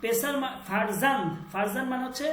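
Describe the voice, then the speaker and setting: A woman teaching a Persian class who says each word again and again slowly and keeps quizzing her students. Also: on the high side, echoey room, a crowd in the background. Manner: drills words by repeating them slowly, quizzes students. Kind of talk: online class lesson.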